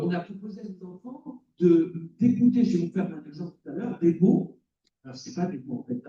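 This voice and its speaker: A man's voice: high-pitched, dark tone. A man giving a conference talk as a cognitive psychology lecturer, explaining and quizzing the audience. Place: lecture hall. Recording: roomy, distant, dull.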